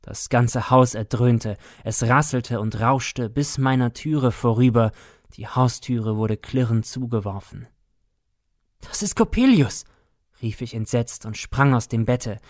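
A man narrating a classic tale with solemn, dramatic weight. He reads slowly and deliberately, recorded close on a dry microphone. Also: mid-range voice, fairly even intonation, no room sound. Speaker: audiobook reader.

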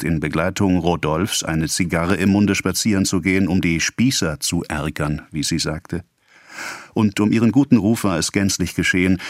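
A man reading a novel aloud as audiobook narration, in a measured, expressive way. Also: sits low, no room sound, studio quality.

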